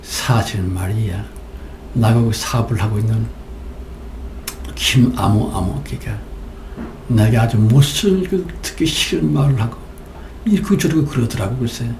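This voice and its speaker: A brooding husband confiding his troubles in a slow, low, heavy voice, played by a male preacher. The tone is gravelly and dark. It is heard in an echoing hall. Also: slight background noise, natural voice.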